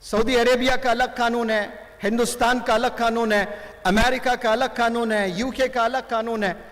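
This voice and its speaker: A man's voice: extremely high pitch, fairly even intonation, moderate pace, a bit bright. A man giving a motivational lecture to students, speaking emphatically and switching between Hindi-Urdu and English. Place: large hall with audience. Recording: reverberant hall.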